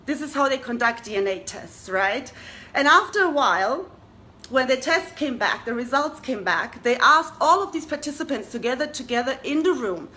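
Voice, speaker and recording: A young German woman hosts a talk show, addressing her audience earnestly and posing rhetorical questions. Her voice is high, expressive, and sharp-toned, at a normal speed.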